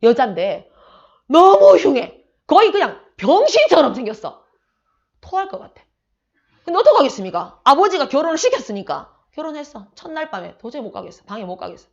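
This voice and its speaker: Slangy, animated woman teacher. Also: high-pitched, fairly quick. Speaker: Korean literature teacher. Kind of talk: casual exam-prep lecture. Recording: slightly muffled audio.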